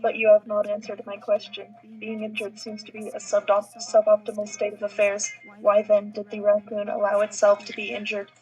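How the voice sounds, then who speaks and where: A woman's voice: medium pitch, monotone, moderate pace, few pauses, darkish tone, husky, lightly acted. A woman voicing a literal-minded, earnest game robot in formal, precise wording. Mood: matter-of-fact. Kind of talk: reading a video game role aloud. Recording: slightly dull audio, music behind.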